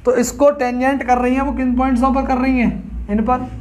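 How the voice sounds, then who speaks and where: High-pitched math teacher explaining. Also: male voice, level tone, a little fast, a little mellow. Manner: explains step by step, asks students questions. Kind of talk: classroom math lesson.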